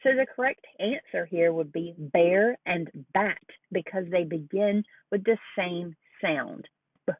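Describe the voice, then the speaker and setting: A woman giving a recorded lecture on early reading skills, slowing down to model sounds and words carefully. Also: on the low side, no echo. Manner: slow, deliberate modeling of sounds. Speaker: teacher educator. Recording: dry, phone-like lo-fi audio.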